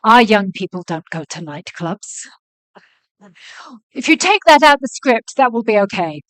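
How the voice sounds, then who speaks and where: Woman putting on a curt official guy, mock nigerian accent, smooth dry voice. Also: medium pitch, sing-song, a little slow, a bit bright, no room sound, low-quality recording. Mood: dismissive. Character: male government official putting conditions on a script.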